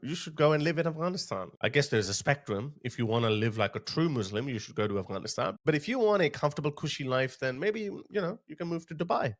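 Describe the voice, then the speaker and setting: A man's voice: fairly high pitch, expressive, fast, hardly any pauses. A man giving blunt, opinionated commentary while reacting to a video clip. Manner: blunt, scornful.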